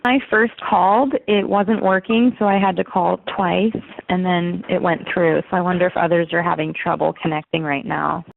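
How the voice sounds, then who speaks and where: A woman's voice: lowish voice, fairly even intonation, normal speed, vocal fry, few pauses. A woman on a conference call line, speaking in a plain, matter-of-fact way as a meeting participant. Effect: heard over a conference call phone line. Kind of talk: casual conference call talk.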